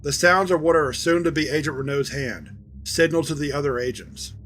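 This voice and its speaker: A man's voice: fairly high pitch, brisk, fairly bright tone, slight background noise. Man reading out classified log entries. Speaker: narrator. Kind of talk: scripted narration of archive logs.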